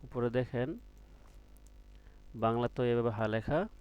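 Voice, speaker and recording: Teaching Arabic letters in an online Quran class, a man with a clean, medium-pitched voice patiently repeats questions to his students and elongates every letter he demonstrates. The audio sounds muffled.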